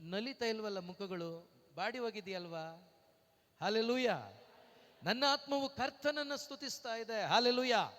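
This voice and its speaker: In a fairly bright voice that sits high, a man preaches Pentecostal-style, posing rhetorical questions and calling out hallelujahs between lines. At times he drifts into slow sung phrases. The hall gives a long reverb.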